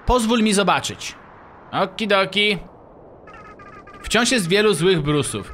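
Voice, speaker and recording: A man's voice: high-pitched, animated, takes it slowly, a bit bright, slight background noise, exaggerated voice. A man voicing a cat clerk in a video game who asks dry, bureaucratic questions. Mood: officious. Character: male cat clerk checking a list.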